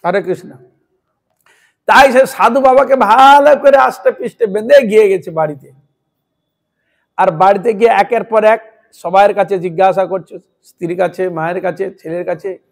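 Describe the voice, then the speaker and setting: A man with a very high-pitched voice and a Bengali accent preaches a devotional sermon. He tells the story emphatically and keeps turning to his listeners with rhetorical questions. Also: normal speed, gravelly.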